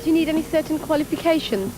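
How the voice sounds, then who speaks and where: A woman's voice: sits high, expressive, racing, over music, rough recording. A woman presenting a TV programme, asking an interviewee plain questions.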